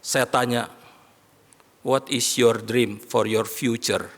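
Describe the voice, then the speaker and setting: A man preaching a sermon as pastor, animated, often rising to shouts as he addresses the congregation. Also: mid-range voice, takes it slowly. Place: large worship hall. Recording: long hall reverb.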